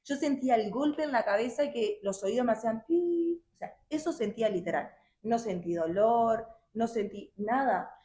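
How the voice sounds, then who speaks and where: A young woman telling her personal testimony in a halting, emotional way with many restarts. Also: fairly high pitch, mellow. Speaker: guest sharing her testimony. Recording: roomy echo.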